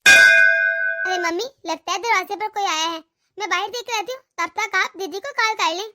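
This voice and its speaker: A woman's voice: very high voice, moderate pace, bright, forceful tone, full character voice. A woman voicing a sensible young daughter-in-law in a cartoon, polite and reassuring. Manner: polite, reassuring, level-headed. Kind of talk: cartoon dialogue.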